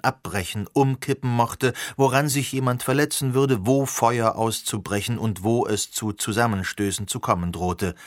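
A man reading a novel aloud in a measured, even storytelling manner. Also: medium pitch, no room sound, clean studio sound. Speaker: narrator. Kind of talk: audiobook narration.

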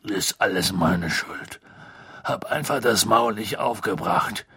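A male audiobook narrator voicing a huge, gloomy half-giant gamekeeper in a slow, low, dejected manner. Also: lively intonation, pushed and bright, breathy edge, dry recording, heavily acted. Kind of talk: audiobook character voice.

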